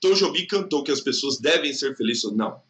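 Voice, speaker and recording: In a recorded online lesson, a man preps students for an exam in Brazilian Portuguese, chatting freely and often checking in with the listener. He draws words out slowly to mark the stressed syllable. His medium-pitched voice is expressive and fairly bright.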